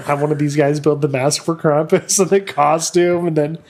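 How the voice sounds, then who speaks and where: A man's voice: fairly high pitch, steady tone, normal speed, darkish tone. Man in casual chat, hesitant and laughing.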